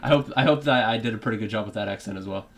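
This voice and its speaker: A man's voice: fairly low pitch, rapid-fire, a bit bright. A man with a put-on British accent giving rambling live football reaction commentary, full of fillers and restarts. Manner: rambling, many fillers and restarts, drifts off topic. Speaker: fan streaming a live match reaction.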